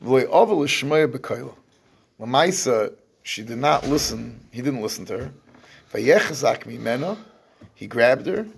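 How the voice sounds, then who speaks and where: A man's voice: mid-range voice, lively intonation, unhurried, creaky, husky. A man teaching a scripture class, explaining verses at length and often restarting his phrases. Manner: explains in English with Hebrew terms, restarts often. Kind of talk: lecturing on scripture.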